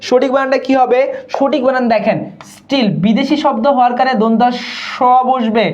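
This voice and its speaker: A man's voice: extremely high pitch, steady tone, brisk, a little mellow, muffled recording. A man from Dinajpur, Bangladesh, teaching Bangla spelling in a live online class, repeating words and often checking that students follow.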